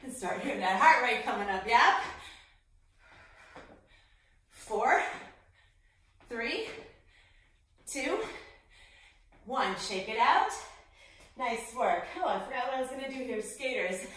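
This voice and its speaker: A woman's voice: on the high side, animated, a little slow, pauses often, a bit bright, very echoey, far from the mic. A woman fitness instructor cueing moves and counting reps while she works out, out of breath. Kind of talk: workout instruction.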